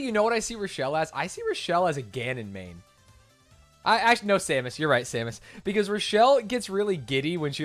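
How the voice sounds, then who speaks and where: A man's voice: a little high, fairly bright tone. A joking male streamer chats with his audience, his voice bouncing all over the place. He rambles and teases in a loose, casual way, with faint music under him. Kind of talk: casual livestream chat.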